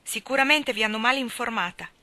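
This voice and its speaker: A woman voicing a proud, lovesick young gentleman who speaks in a tense, clipped way. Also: a little high, brisk, no room sound, voice pushed up. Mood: bitter.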